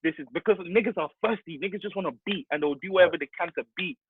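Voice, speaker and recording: A man's voice: high voice, very fast, slightly rough, dry recording. A man, co-hosting a casual podcast and making blunt points, repeating himself for emphasis. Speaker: podcast co-host. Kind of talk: casual chat. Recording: thin phone-like audio.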